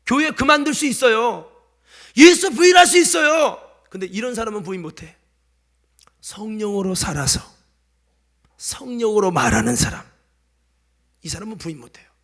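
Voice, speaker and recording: At a normal speed but with long pauses, a high-pitched male pastor preaches with big swings in pitch and a light Chungcheong Korean accent. In this church sermon he goes back and forth between loud exhortation and hushed asides, often quizzing the congregation.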